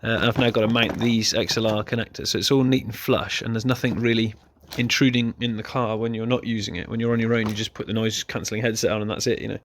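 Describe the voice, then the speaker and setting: A car hobbyist presents a hands-on DIY video, chatting casually and off the cuff in an informal, self-deprecating way. His voice sits on the low side with fairly even intonation, and he talks quickly with few pauses.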